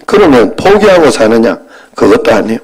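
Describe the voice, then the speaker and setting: A pastor in his fifties preaching a sermon and telling a personal story in a conversational way. His voice jumps from loud bursts to quiet asides. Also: mid-range voice, very animated, a little fast, husky, low-quality recording.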